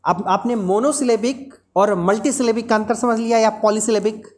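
A woman's voice: a little high, steady tone, normal speed, a little mellow. A woman teaching an English lesson, explaining patiently and repeating example words aloud.

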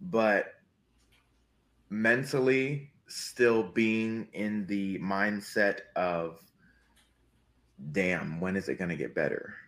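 A man's voice: on the low side, slow pace, long pauses, a bit bright. A man in his twenties, a guest on a casual podcast, rambling and joking in a self-deprecating way. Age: 20s.

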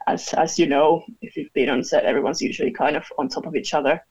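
A woman from Finland chatting as a guest over a video call, laughing often and pausing with fillers. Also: sits low, fairly even intonation, a little mellow, husky. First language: Finnish. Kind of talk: casual chat. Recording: dull lo-fi call audio.

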